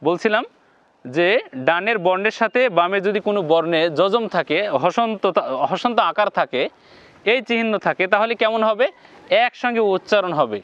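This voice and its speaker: A man teaching Quran recitation in a step-by-step lesson, slowly repeating syllables for viewers to copy and giving the Arabic sounds a heavy nasal tone. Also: high-pitched, fairly bright tone, smooth, no room sound, dull audio.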